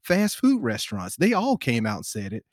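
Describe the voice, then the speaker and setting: A man in a casual panel discussion, making an animated, pointed argument. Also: mid-range voice, normal speed, slightly rough, no echo, studio quality.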